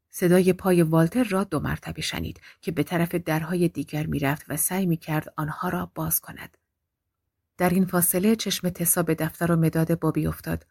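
A woman reading a thriller audiobook in a measured way, often dropping into a hushed whisper. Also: fairly low pitch, dry recording, studio quality. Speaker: narrator.

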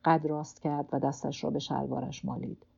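A woman reads a novel aloud in a calm, measured way, her voice low-pitched and mellow. The recording is a bit dull and lo-fi, with the top end muffled. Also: creaky, husky. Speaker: audiobook narrator. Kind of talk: scripted literary narration.

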